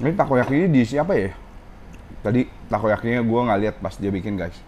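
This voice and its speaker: Fast and animated, a man with a medium-pitched, darkish voice reviews food in a ramen restaurant for his vlog. He eats as he speaks, chats with viewers, says "guys" again and again, and has a mild sore throat; some background noise is audible.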